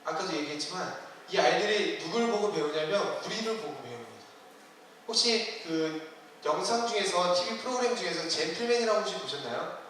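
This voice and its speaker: A man delivers a sermon in a chatty, questioning style, his voice pitched high for a man. The sound is heavily echoey, with a long hall reverb, and he stands well away from the microphone. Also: a bit bright, a little hiss or hum. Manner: conversational preaching with questions to the congregation. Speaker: youth ministry preacher. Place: church sanctuary. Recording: roomy hall, distant mic.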